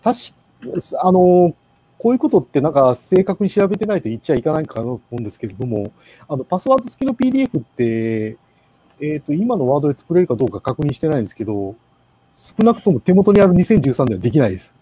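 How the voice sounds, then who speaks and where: A man giving a casual presentation in an online meeting, with many pauses and fillers. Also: on the high side, sing-song, warm tone, husky, rough recording. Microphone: video call.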